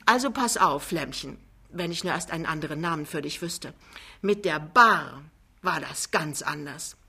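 A woman's voice: sits low, animated, normal speed, pushed and bright, slightly rough, heavily acted. A woman voicing a vain, boastful older mother with a triumphant, theatrical manner in an audiobook reading.

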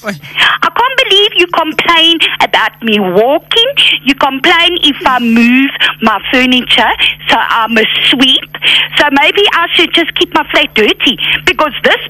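A woman's voice: sits high, animated, a little slow, sharp tone, no echo. A woman on a radio phone call, arguing indignantly, repeating herself and swearing. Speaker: prank call target.

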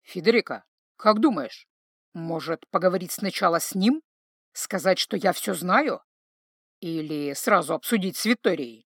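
Woman reader as conniving fake veteran, low mock-sorrowful sighs, dry read. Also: expressive, a little slow, fairly bright tone, slightly rough, dry recording, heavily acted. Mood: fretting. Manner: sighing, mock-tragic, sanctimonious. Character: scheming sly middle-aged man, posing as veteran.

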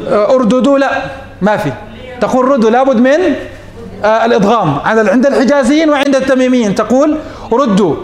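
A man's voice: very high-pitched, fast, roomy sound. A man teaching morphology as a sheikh, posing questions to his students and answering them himself. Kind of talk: classroom lesson.

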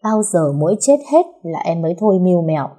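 A woman voicing a sharp-tongued, scheming young wife who taunts in sing-song rhymes and wails theatrically. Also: fairly low pitch, animated, fast talker, husky. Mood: taunting.

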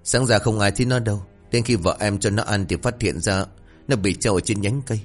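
A man's voice: fairly low pitch, a little fast, faint music behind, close to an everyday voice. A man voicing a shaken village husband who stammers as he speaks.

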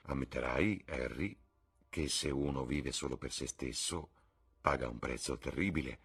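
A man's voice: extremely low pitch, normal speed, a bit bright, breathy edge, full character voice. A man reading as a grave, troubled painter. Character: serious, worried painter, grown man. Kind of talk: audiobook reading.

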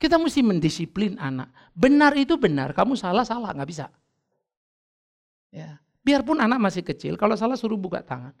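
Gravelly, animated pastor. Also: male voice, high-pitched, a little fast. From North Sumatra, Indonesia. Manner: lively storytelling, acting out family dialogues with humor. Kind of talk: sermon.

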